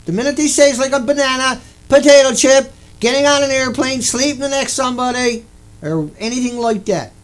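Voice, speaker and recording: A man delivering an angry, profane ranting monologue, repeating himself and bursting into shouts. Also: very high-pitched, fairly quick, low-quality recording. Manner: repetitive, profane, indignant. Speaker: video host.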